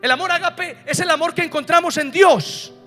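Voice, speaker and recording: Emphatic pastor preaching. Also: male voice, extremely high pitch, normal speed, a bit bright, in a large hall, faint music behind. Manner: emphatic, repeats key words and asks the congregation questions. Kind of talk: sermon.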